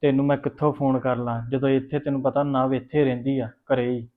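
A man's voice: medium pitch, flat delivery, fairly quick, natural voice. A man playing a scheming, short-tempered husband who talks brusquely and keeps cutting in. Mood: wheedling. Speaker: husband on a phone call. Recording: phone-like narrow sound.

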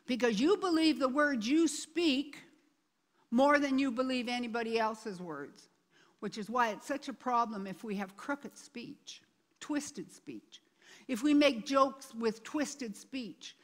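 A woman's voice: on the high side, takes it slowly. A woman pastor preaching a sermon, reading scripture aloud and repeating words for emphasis. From Canada. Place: church sanctuary. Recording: long reverb of a church hall.

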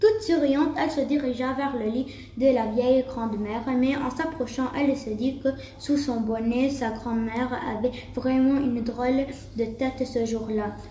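A woman's voice: a little high, fairly even intonation, moderate pace, hardly any pauses, warm tone, distant mic, a little hiss or hum. A woman reading a fairy tale aloud for a school puppet show, with a few restarts. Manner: storybook reading with occasional restarts and fillers. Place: school room. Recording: roomy, faint background ambience.

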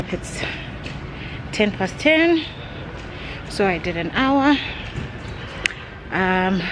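A woman's voice: mid-range voice, background noise. Chatty young woman vlogging to camera. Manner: chatty, animated, laughs between phrases. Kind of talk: casual vlog talk to camera. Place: gym, kitchen and parked car. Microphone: handheld camera at arm's length. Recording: loud music playing behind her.

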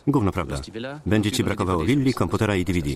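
A man reading the voice-over for a film, giving every character's lines in his one steady voice over the original soundtrack. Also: low voice, very fast, crowd noise. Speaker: voice-over reader.

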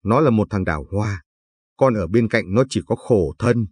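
A man's voice: fairly low pitch, lively intonation, moderate pace, a little mellow, slightly rough, dry recording, clean studio sound. A man reading the lines of a stern, grieving older father in a spoken story. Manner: stern, scolding.

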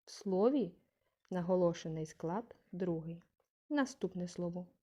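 Slow, patient woman teaching children. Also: fairly low pitch, expressive, dark tone. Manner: slow, patient, stresses words with a rising questioning tone. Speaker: primary school teacher. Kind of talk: scripted lesson narration.

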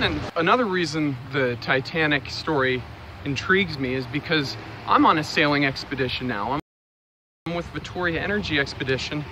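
Young man, chatty musing vlog, handheld camera, outdoors, traffic noise behind. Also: on the high side. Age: young adult. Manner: chatty, musing, with frequent uh fillers. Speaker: vlogger. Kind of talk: casual walking vlog monologue. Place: outdoors on city streets and trails. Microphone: phone or camera held at arm's length. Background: traffic and outdoor ambience.

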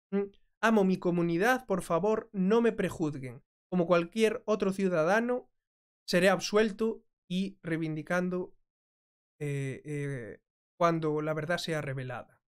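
A woman's voice: on the low side, clear, resonant tone. A woman hosting a commentary video, translating and reacting to clips in a chatty way, often asking "mm?". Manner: conversational, frequent checking "¿mm?". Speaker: commentary host.

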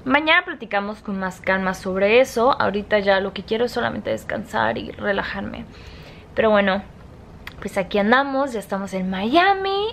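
A young Mexican woman chats casually to her camera from a hotel room at night. Her pitch is ordinary and her pace unhurried and relaxed. A faint hum sits behind her voice. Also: gravelly. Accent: Mexican Spanish. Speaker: vlogger.

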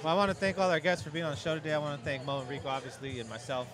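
A man's voice: on the high side, steady tone, very fast, over music. A man hosting a casual podcast outdoors at a block party, upbeat and joking. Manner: upbeat, joking, wrapping up the show. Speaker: podcast host.

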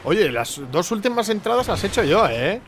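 A young man from commentating his own gameplay, excitable, with sudden shouting bursts and repeated words. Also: sits high, normal speed, slight background noise. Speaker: gaming YouTuber.

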